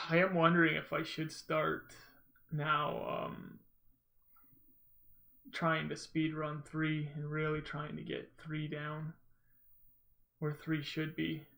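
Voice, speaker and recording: Male speedrun commentator, informal and rambling, forceful bright tone with vocal fry. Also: on the high side, completely flat delivery, slow pace, pauses often. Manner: rambling, informal, self-interrupting storytelling. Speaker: gamer, speedrunner commentating own run. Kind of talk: casual gameplay commentary.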